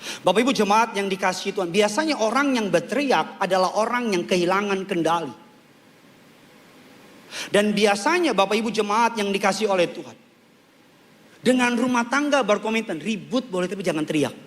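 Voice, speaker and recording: A male pastor preaching a sermon to a large church congregation, animated and joking, repeating key lines for emphasis. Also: high-pitched, a little fast.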